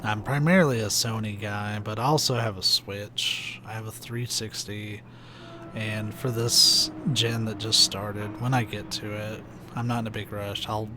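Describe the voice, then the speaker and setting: While playing a video game on stream, this young man chats and rambles at a moderate pace in a lowish, soft, soothing voice that sounds sleepy. He's laid-back, filling his commentary with "like"s and "uh"s, and a steady hiss of background noise runs throughout.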